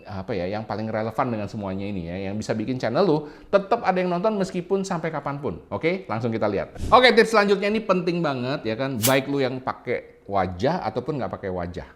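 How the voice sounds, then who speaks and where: A man coaching viewers on growing a channel in loose, chatty tutorial talk. His voice leaps up and down with lively intonation, and he tosses in playful asides. A faint hiss of background noise sits under him. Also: medium pitch. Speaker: YouTube growth coach.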